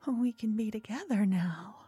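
A woman playing an obsessive, lovestruck fantasy stalker in a sultry, breathy, soothing ASMR role-play, tender and possessive. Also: mid-range voice, lively intonation, dry recording, faint music behind. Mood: yearning, possessive. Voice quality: breathy, soft. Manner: sultry, breathy, slow, soothing narration to the listener.

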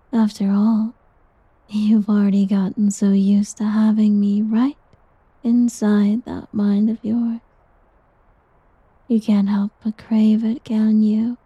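A woman's voice: medium pitch, no room sound. A woman whispering as a doting slime creature. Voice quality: breathy. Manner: soft whispering, teasing and coaxing. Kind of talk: ASMR roleplay. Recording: dull lo-fi audio.

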